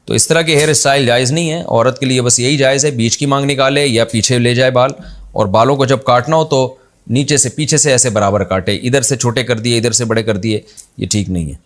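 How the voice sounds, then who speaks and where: A man giving an informal, scolding religious lecture, often mimicking others in sudden high-pitched quotes. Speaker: Islamic scholar giving a sermon.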